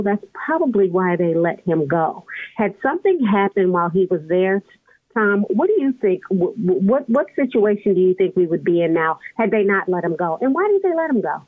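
A female podcast co-host speaks with passion in a conversational way. She comes through a tinny, phone-like line that is dry with no room echo. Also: mid-range voice. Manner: impassioned, conversational. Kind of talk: podcast commentary.

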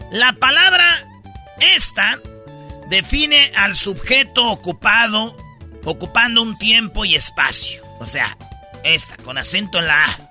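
A male radio comedy host tells jokes with lots of laughter and shouting. His voice is high and very bright, and it swings widely in pitch. He keeps an unhurried pace, with faint music underneath. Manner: animated, shouting, laughing joke-teller. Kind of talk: comedy radio show banter, telling jokes.

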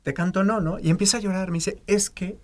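A man, a singer and designer talking casually in an interview, animated and full of fillers and restarts. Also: sits high, quick pace.

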